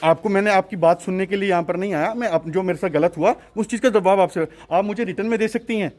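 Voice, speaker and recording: A young man in his twenties answering a reporter's questions, with a somewhat high voice. He gets agitated as he recounts what happened, slipping between Hindi and English. His delivery is urgent and insistent. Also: fast talker, darkish tone. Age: 20s. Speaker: interviewee, patient's son. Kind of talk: on-camera interview.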